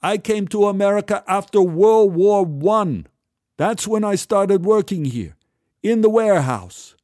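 A bewildered old warehouse hand, as a storyteller puts him on, his voice lifted high and stretched slow. He drifts from one thought to the next without ever catching up. The man reading it keeps the sound dry and close. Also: lively intonation, a little mellow, no echo. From Poland. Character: confused elderly male warehouse worker.

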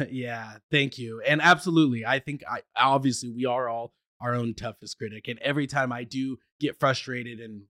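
A man's voice: mid-range voice, fairly even intonation, normal speed, bright, forceful tone, no room sound, studio quality. A man who stutters at times, talking casually as a podcast guest. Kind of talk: casual conversation.

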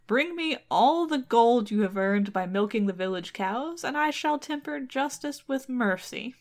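A woman's voice: a little high, animated, a little slow, pitched above the performer's own voice. A woman reading the lines of a smug young farmhand in a folktale, in close to her own voice.

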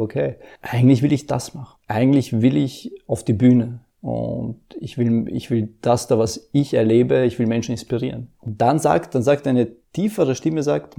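Gravelly, dark-voiced male coach. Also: medium pitch. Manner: earnest, repeats words, acts out inner voices. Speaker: emotional intelligence coach, guest. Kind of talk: conversational interview answers.

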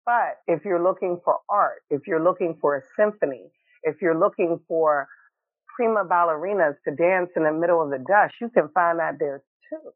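A man makes an emphatic, rhetorical point in a fairly high voice. He comes through a tinny phone line, dry and narrow. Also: normal speed, no echo.

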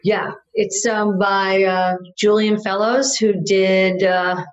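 A woman chatting on a podcast roundtable, talkative and quick to laugh. Her voice is mid-pitched and the audio is a bit dull and lo-fi. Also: fairly even intonation. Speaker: podcast co-host. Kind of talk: casual roundtable chat.

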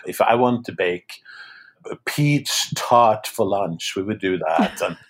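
A man's voice: lowish voice, animated, slow. A man from Norway, a podcast guest, chatting casually and laughing easily. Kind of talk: casual interview chat.

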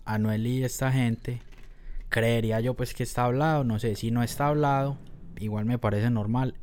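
A man's voice: mid-range voice, fairly even intonation, normal speed, a little mellow. A man chatting casually as a podcast co-host. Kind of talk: casual chat.

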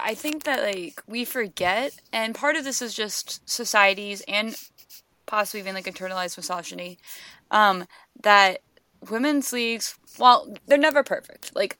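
Woman podcast co-host, mid pitch, rambling and chatty, dry close sound. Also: a bit bright, clean tone, dry recording. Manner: rambling, filler-heavy, swears casually. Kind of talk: casual chat.

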